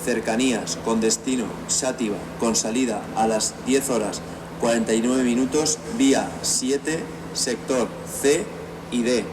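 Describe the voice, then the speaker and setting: A man's voice comes over a PA system in a train station with a formal announcement. He speaks at an ordinary pitch for a man and pauses slightly between items. The loudspeaker sounds far off, with clear station noise behind it. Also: fairly even intonation. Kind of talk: live platform announcement.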